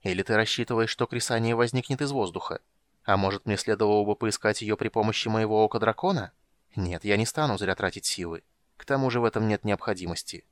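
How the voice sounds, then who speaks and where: A man's voice: lowish voice, steady tone, fast talker, no echo, close to an everyday voice. A man voicing a frail, sickly mage who speaks in a cold, cutting, sarcastic way. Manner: caustic, cutting.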